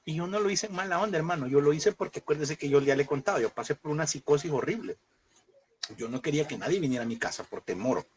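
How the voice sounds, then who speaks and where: A man's voice: a little high, lively intonation, quick pace, a little hiss or hum. A man, a pastor preaching a lesson, telling a personal story and fervently calling his listeners brother.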